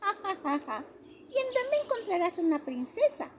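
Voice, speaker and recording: A woman's voice: very high voice, very animated, normal speed, background noise, voice pushed up. A woman voicing a group of small kindergarten children who tease and question, in a storybook reading. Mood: teasing.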